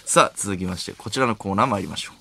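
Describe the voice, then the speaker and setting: A young man with a Kansai accent, co-hosting late-night radio with fast retorts and playful rebuttals. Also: fairly low pitch, vocal fry, pushed and bright, breathy edge. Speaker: radio host. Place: radio studio.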